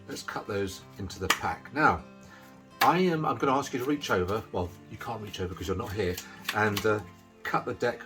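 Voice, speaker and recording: A middle-aged man giving casual, chatty patter as a card magician, explaining as he handles the cards. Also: on the low side.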